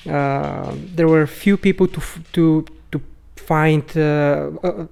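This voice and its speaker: A man from Bulgaria, speaking as a podcast guest in a hesitant, halting way with many filler sounds. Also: fairly high pitch, darkish tone, clean tone. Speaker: podcast guest, rope bondage instructor. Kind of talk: casual conversational interview.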